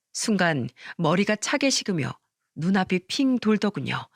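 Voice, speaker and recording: A woman's voice: lowish voice, no echo, clean studio sound. A woman reading a scripted first-person story with emotional storytelling. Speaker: story narrator.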